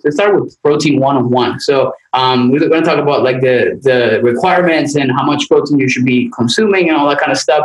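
A man's voice: medium pitch, roomy sound, low-quality recording. A man hosting a casual nutrition podcast, talking in an easygoing, rambling way with many restarts. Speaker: podcast host, nutrition coach.

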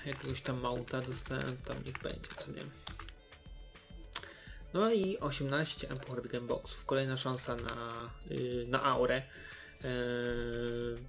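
A man's voice: mid-range voice, creaky. A young man giving casual, hesitant commentary while opening game loot boxes, with many fillers and restarts. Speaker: gaming YouTuber.

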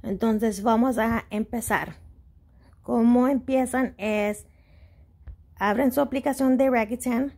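Lady w spanish doing a casual how-to, kinda high voice, slips english words in. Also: slow pace, gravelly, long pauses, a little mellow. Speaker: host of a shopping tutorial channel. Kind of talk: casual step-by-step tutorial narration.

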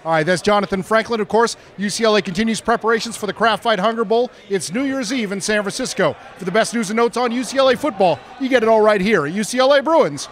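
A man's voice: sits high, fast, hardly any pauses. A middle-aged man reporting for a team website, upbeat and plain-spoken, holding a handheld mic in a bowling alley. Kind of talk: sports interview host.

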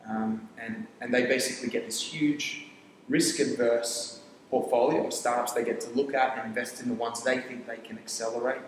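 Here a young founder from Papua New Guinea, whose mother tongue is Tok Pisin, gives casual interview talk in a rambling way, restarting phrases and firing off ideas in rapid lists. His mid-range voice holds fairly even intonation. Recorded on a studio set with armchairs, the room is echoey with long reverb and slight background noise.

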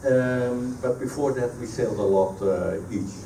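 Heard from the back of a reverberant sailing club meeting room, a middle-aged native Dutch sailor with a Dutch accent haltingly answers audience questions as the guest speaker at a club evening. His voice is mid-range and mellow, coming through a handheld PA mic recorded noisily by a distant camera.

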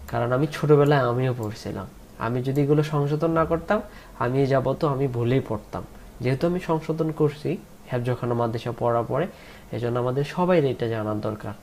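A man teaching Quran pronunciation in a slow lesson, spelling out letters one by one and drawing out the recited words. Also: medium pitch, a little hiss or hum. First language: Bengali.

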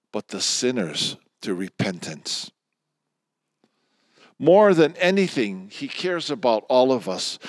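An older man as pastor, reading a Lenten devotion and leading a prayer from the pulpit of a large church, speaking slowly and softly with hushed endings into a stand microphone. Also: mid-range voice, dry recording, studio quality. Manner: slow, measured, soft-spoken with trailing hushed endings. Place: large church sanctuary, indoors. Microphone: stand mic at pulpit.

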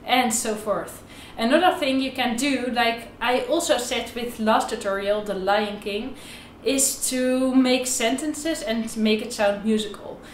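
A young woman teaching violin on camera talks in a fairly high voice at a slightly slow pace. Her instructional style is informal and explanatory, with slightly non-native phrasing. The recording has a roomy echo, and violin sounds now and then.

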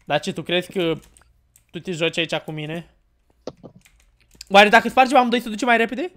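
Excitable woman streamer with lively pitch. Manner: loud, excitable, laughs often, teasing. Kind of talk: casual live gameplay chat.

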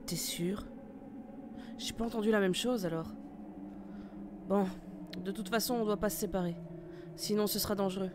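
A woman's voice: mid-range voice, steady tone, brisk, pauses often, noisy background, close to an everyday voice. A woman voicing a tough female squad leader in an amateur horror audio drama, giving curt, commanding orders. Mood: steady. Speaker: team leader.

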